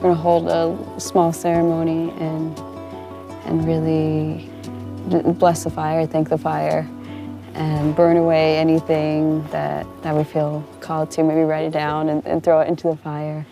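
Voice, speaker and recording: Young woman, soft-spoken and reflective, lowish pitch, music bed underneath. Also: monotone, unhurried, creaky. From United States. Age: young adult. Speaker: interviewee. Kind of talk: documentary interview.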